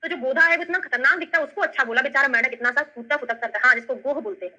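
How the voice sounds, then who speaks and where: A woman with a Bundelkhandi Hindi accent teaches an online Ayurveda lesson, walking through it step by step with memory tricks and checking in with her students. Her voice is high-pitched, rapid-fire and sharp, and the recording sounds lo-fi.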